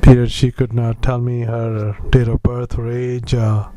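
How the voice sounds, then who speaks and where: Flat, mellow-voiced man dictating medical notes. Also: mid-range voice. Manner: halting, clipped phrases with spelled-out words and spoken punctuation. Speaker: doctor dictating clinical notes.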